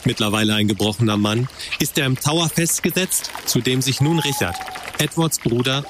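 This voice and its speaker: A man's voice: medium pitch, normal speed, background noise. A man narrating a historical story from a script.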